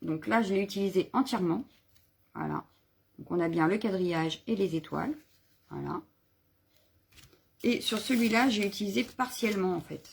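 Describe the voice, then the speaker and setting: A woman's voice: medium pitch, moderate pace, pauses often. A woman chatting casually on a live craft video, showing her stamps and stencils, rambling with fillers and self-corrections. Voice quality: husky, gravelly.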